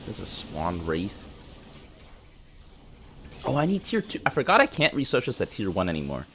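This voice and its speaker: A man with a stuffy nose giving casual, rambling gameplay commentary, chatting with his viewers and breaking into surprised excitement. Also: on the low side, normal speed, slight background noise. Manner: laid-back, rambling, chatty with viewers as "boys". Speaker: gaming YouTuber. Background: game music and sound effects.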